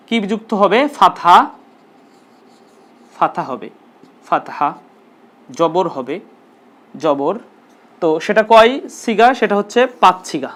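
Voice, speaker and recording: A man teaching an Arabic grammar lesson, patiently repeating terms and asking and answering his own questions. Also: high-pitched.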